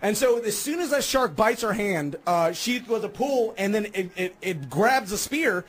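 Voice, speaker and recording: Guy on morning radio spinning a wild story, high voice, laughing and doing voices. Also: moderate pace. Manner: excitable, laughs often, acts out voices. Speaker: radio show host telling a story.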